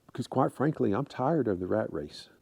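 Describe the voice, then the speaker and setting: A man's voice: medium pitch, lively intonation, normal speed, gravelly, darkish tone, breathy edge, dry recording. A man in his fifties from the United States, talking casually to camera in a rambling way with many fillers and restarts. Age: 50s. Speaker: vlogger.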